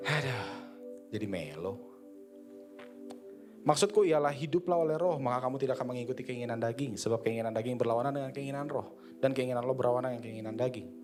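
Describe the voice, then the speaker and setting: Seorang pria berlogat Jakarta berkhotbah dengan santai dan akrab, sering memerankan percakapan dengan dirinya sendiri. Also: male voice, mid-range voice. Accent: Jakarta Indonesian. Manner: conversational, slangy, acts out inner dialogue. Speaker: preacher. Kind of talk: casual sermon. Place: church service.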